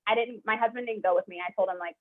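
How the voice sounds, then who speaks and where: Young woman, guest, animated storyteller full of "like", mid-pitched, heard over a tinny phone-like line. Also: fast. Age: young adult. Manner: animated, heavy use of "like", quotes others. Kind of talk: personal storytelling in an interview. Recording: tinny phone-like call audio.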